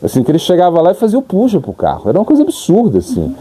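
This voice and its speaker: Brazilian monk telling stories in a sermon, super mellow dark voice, acts out the lines. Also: male voice, high voice, racing, husky. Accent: Brazilian Portuguese. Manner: animated storyteller who acts out dialogue and sound effects. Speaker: monk giving a spiritual talk. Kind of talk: informal sermon with storytelling.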